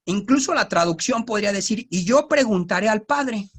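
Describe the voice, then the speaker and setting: A man's voice: high voice, expressive, moderate pace, a bit bright. A man with a Mexico City Spanish accent, teaching the Bible in a conversational way, with informal joking asides and frequent tag questions.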